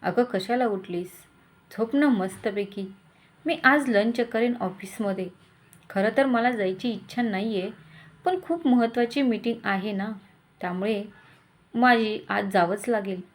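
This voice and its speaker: A woman's voice: medium pitch, a little slow, lightly acted. A woman voicing a cheerful young husband in a story, speaking in a breezy, affectionate way.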